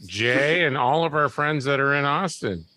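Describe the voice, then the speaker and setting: A man's voice: mid-range voice, expressive, moderate pace, bright, forceful tone. A man hosting a podcast, chatting eagerly with his guests. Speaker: podcast host. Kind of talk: casual podcast chat.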